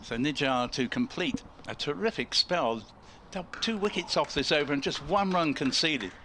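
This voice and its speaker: A man's voice: fairly high pitch, lively intonation, moderate pace, pushed and bright, a little hiss or hum. A man commentating on cricket ball by ball in wordy, rather formal turns of phrase.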